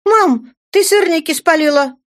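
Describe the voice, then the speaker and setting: A woman voicing a blunt, fiery teenage girl with a high, insistent voice. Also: animated, normal speed.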